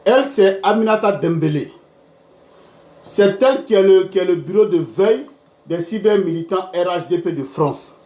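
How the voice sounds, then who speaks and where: A man's voice: sits high, lively intonation, normal speed, a little mellow. A man hosting a live stream, talking in a heated, insistent way. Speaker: live video host. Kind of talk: live social media stream. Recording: echoey room.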